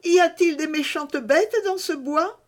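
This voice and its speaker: A woman's voice: high-pitched, measured pace, voice pushed up. A woman voicing a curious, eager little peasant boy in an audiobook reading. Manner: eager, questioning.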